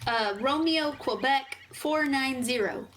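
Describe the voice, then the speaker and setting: Young woman, bright folksy voice, roleplay chat, a little hiss. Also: sits high, takes it slowly, low-quality recording. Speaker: roleplay player.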